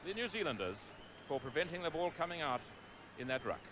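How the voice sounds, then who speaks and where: A man calls a rugby match live, his voice sitting a little high. He stays measured between plays and climbs to shouts when a score looks close. The broadcast audio carries clear background noise. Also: sing-song. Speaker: play-by-play commentator.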